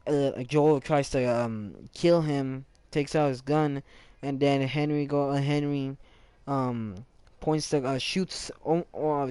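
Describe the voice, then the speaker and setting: A man's voice: fairly high pitch, a little mellow, smooth, dry recording. A young man casually retelling a video game's story, rambling, with many self-corrections and restarts. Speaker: gaming channel host. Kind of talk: casual game story recap.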